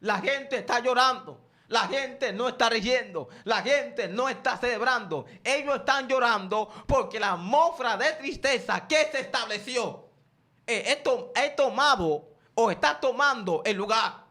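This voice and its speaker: Delivering a sermon at a measured pace, this man sounds animated, his voice high, bright and forceful. He asks his listeners question after question and supplies the answers, now and then inviting the congregation to echo his words.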